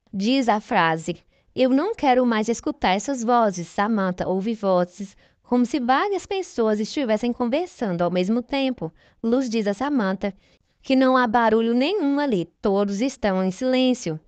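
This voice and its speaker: A woman narrating a soap opera episode summary in an even, measured reading voice. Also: mid-range voice, no room sound. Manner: even, measured reading, quoting characters in the same voice. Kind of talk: scripted narration.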